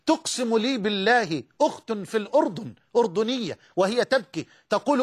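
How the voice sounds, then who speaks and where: A male preacher with an Egyptian accent and a notably high voice. He gives an emotive religious lecture, swears heartfelt oaths and moves between solemn recitation and everyday colloquial talk. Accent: Egyptian Arabic.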